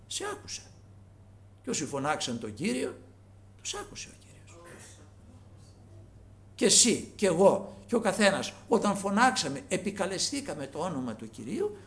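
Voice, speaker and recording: A male preacher delivering a sermon with a high, gravelly voice. His pitch leaps up and down with animated swings. He moves from loud calls to hushed near-whispers.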